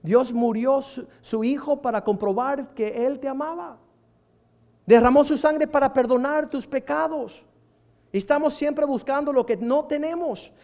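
High-voiced man preaching a fervent sermon. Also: measured pace. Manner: emphatic, builds to fervent shouting.

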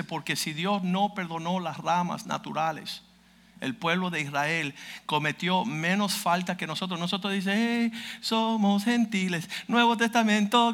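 A man preaching a fiery sermon who speaks bluntly, cracks mocking asides and bursts into shouts. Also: high-pitched. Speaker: pastor.

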